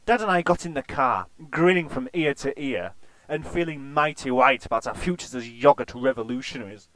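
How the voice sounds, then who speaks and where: Deadpan man narrating an absurd story. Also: mid-range voice, moderate pace. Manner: deadpan and crude.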